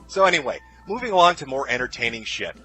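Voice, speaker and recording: A man's voice: mid-range voice, big pitch swings, quick pace, fairly bright tone, faint music behind, rough recording. A man ranting in a dismissive, mocking tone on a video.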